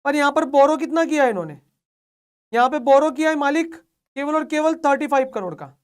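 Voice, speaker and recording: A young man teaching an online lecture, excited and playfully scolding his students, mixing Hindi and English. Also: extremely high pitch, a little fast.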